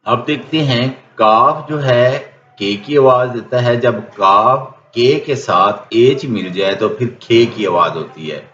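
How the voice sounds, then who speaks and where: Low-voiced man teaching in a lesson. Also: slight background noise. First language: Urdu. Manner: plain, methodical, steady. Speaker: English teacher. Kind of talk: explaining lesson. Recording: echoey room, dull lo-fi sound.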